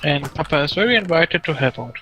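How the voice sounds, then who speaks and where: A man chatting while playing a game, hesitant and pausing on many fillers as he lists things. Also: fairly high pitch, animated, sharp tone, a little hiss or hum, rough recording. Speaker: co-player. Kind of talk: casual chat while gaming.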